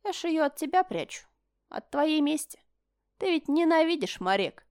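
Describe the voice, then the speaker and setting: A woman's voice: high voice, big pitch swings, moderate pace, dry recording, studio quality, pitched above the performer's own voice. A woman reading aloud and voicing a mocking, smug nobleman who taunts his brother. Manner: taunting, sing-song mockery.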